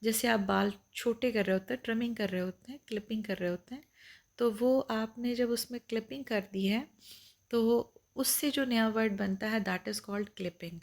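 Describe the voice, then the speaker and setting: A woman teaching English vocabulary in a lecture, patiently explaining each point twice and reading the English definitions slowly. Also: fairly high pitch, vocal fry, darkish tone.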